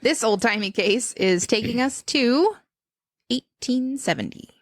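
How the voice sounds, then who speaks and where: Brief: woman podcast host, lively pitch, dry close sound, giggly and animated. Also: a little slow, no room sound. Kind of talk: casual chat.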